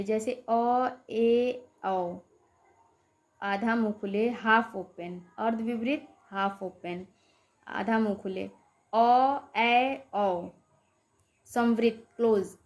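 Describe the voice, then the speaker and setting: A woman's voice: a little high, darkish tone. A woman teaching a grammar lesson for exam students, explaining step by step, repeating terms and drawing out vowel sounds. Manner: asks rhetorical questions to the class.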